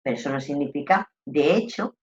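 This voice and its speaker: Andalusian woman lecturer, talkative and expressive, low voice, slightly muffled audio. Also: fairly quick. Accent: Andalusian Spanish. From Andalusia, Spain. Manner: talkative, animated teacher, repeats herself. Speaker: customer service trainer. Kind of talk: online lecture.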